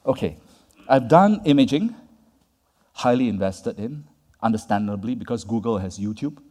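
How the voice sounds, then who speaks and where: A man lectures at a conference in a mid-range, dark, expressive voice at normal speed. He speaks conversationally, tagging his points with "right?" and "yeah?", while long reverb from the large hall hangs behind him.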